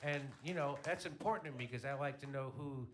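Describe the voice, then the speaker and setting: A man's voice: medium pitch, fairly quick, slight background noise. A middle-aged man from Chicago's South Side doing stand-up on a club stage, telling stories in a wry, conversational way and slipping into voices for the people he quotes. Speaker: stand-up comedian. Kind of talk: stand-up comedy routine. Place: comedy club stage before a live audience.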